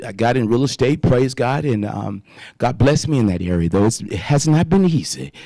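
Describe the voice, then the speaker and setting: A man's voice: mid-range voice, animated, normal speed, warm tone, no echo. Fervent preacher in his fifties on radio. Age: 50s. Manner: fervent, calls out praise and amen often. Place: radio studio. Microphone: studio mic on boom arm, wearing headphones.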